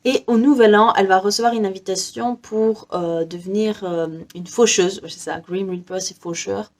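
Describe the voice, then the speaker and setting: A woman's voice: mid-range voice, fairly even intonation, normal speed. Young woman, book vlogger, casual chat, hesitant with fillers, laughs often, from Belgium.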